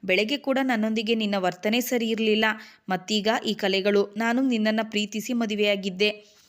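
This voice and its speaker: A woman's voice: steady tone, normal speed, lightly acted. A woman reading as an angry young husband. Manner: angry but kept low.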